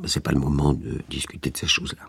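A man voicing a middle-aged radical brother-in-law who declaims loudly and drags out his words. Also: a bass voice, level tone, fast talker, creaky, slightly rough, full character voice. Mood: hushed. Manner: loud, declaiming, drawn out.

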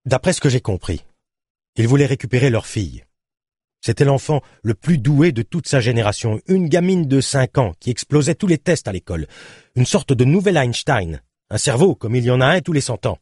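A man's voice: mid-range voice, animated, moderate pace, darkish tone, slightly rough, no room sound, pitched above the performer's own voice. Casting note: convicted killer, bitter and insistent, dry close sound, put on by a man. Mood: recounting. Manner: insistent, protesting.

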